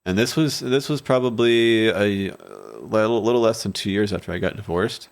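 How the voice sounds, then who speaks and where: Deep-voiced man telling a candid story. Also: animated, moderate pace, gravelly. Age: 30s. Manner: rambling, candid storytelling with frequent restarts. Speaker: guest, bike shop owner. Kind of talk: casual interview talk. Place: small podcast studio with brick wall. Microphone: studio mic on boom arm, headphones.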